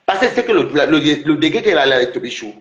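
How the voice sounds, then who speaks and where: A man's voice: on the high side, big pitch swings, fast, roomy sound, dull audio, background noise. A man taunting a rival on his livestream, repeating himself and laughing mockingly.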